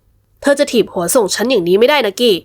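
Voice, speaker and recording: A woman's voice: on the high side, lively intonation, a little fast. A woman voicing a sly, scheming young man, an ex-husband, who talks in a smug, teasing, possessive way in an audiobook. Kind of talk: audiobook character voice.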